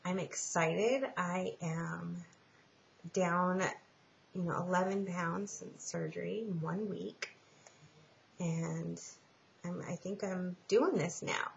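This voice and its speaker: A woman giving a casual personal update in a halting, rambling way with trailing pauses, like a home vlogger. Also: on the low side, fairly even intonation, gravelly. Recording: muffled, lo-fi home recording with hiss.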